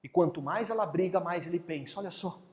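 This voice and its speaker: A course instructor telling a story in a lively lecture, acting out the characters along the way. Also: mid-range voice, brisk, in a large hall. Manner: animated storyteller who acts out characters.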